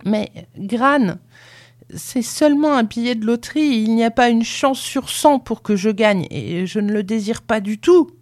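A woman's voice: mid-range voice, lively intonation, takes it slowly, hardly any pauses, darkish tone, dry recording, studio quality, voice pushed up. A woman voicing a frightened young grandson who pleads hesitantly. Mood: pleading.

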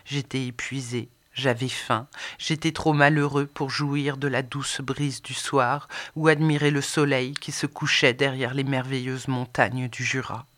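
A woman narrating an audiobook in the first person, expressive, swinging between soft and emphatic delivery. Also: very deep voice, unhurried, few pauses. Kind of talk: scripted narration.

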